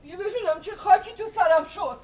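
A woman's voice: very high-pitched, darkish tone, roomy sound. An actress playing a distraught mother, panicky and pleading, close to tears. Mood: frantic. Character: frantic distraught middle-aged mother. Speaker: mother searching for her missing son.

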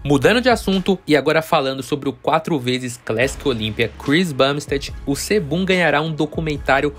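A man's voice: fairly high pitch, expressive, normal speed, a bit bright, faint music behind. A Brazilian man hosting a bodybuilding news channel, narrating casually and speaking directly to his viewers. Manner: chatty, addresses viewers directly as friends.

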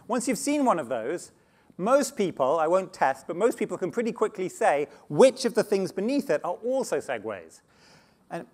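Lively high-voiced man giving a talk. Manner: animated, restarts words often. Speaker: conference speaker. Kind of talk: conference talk with slides. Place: conference stage before an audience.

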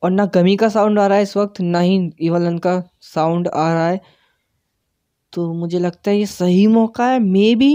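A man giving live gameplay commentary for his channel, tense and excitable, dropping English words into his play-by-play. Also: sits high, measured pace, no room sound, muffled recording. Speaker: gaming channel host.

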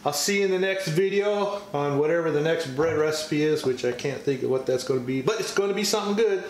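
A man's voice: on the high side, fast, reverberant, slight background noise, low-quality recording. A man hosting a home baking vlog, chatting and humming as he eats, sometimes with his mouth full. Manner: eats on camera while talking, with mouth full, many appreciative hums; chatty and self-deprecating. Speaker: home baker, channel host. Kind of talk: casual cooking vlog sign-off.

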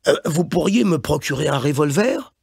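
A blustering, fussy office boss, as a male reader puts him on, scolding in a raised, lively voice that swings up and down. The tone is gravelly and husky, recorded close and dry for an audiobook. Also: fairly high pitch, no room sound, exaggerated voice. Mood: conspiratorial. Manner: chiding, repeats "hein", quick and emphatic.

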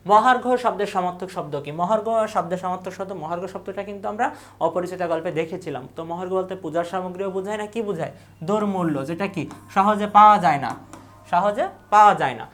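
A woman teaches an exam revision class, reading the options slowly in a list and repeating each answer. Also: fairly low pitch. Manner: reads options in a slow, falling list, then repeats the answer.

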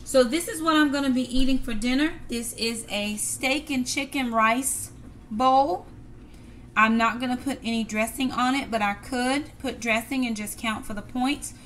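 A woman's voice: on the high side, moderate pace, a bit bright, slight background noise. Chatty woman cooking at home. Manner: chatty, talks to viewers as "y'all". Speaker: cooking vlogger. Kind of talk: casual cook-with-me narration. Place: home kitchen, indoors. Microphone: camera on the counter. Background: clatter of dishes, pans and cutlery.

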